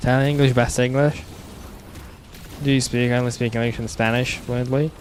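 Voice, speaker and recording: Male streamer, mid pitch, halting chat replies, faint noise behind. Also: steady tone. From Russia. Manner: reads chat aloud, halting with repeated restarts. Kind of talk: live game stream chat.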